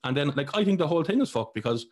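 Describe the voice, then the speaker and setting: A man's voice: fairly high pitch, animated, rapid-fire. An Irish man in his forties hosting a podcast, talking bluntly and heatedly and swearing freely. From Ireland. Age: 40s. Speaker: podcast host. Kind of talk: casual conversation.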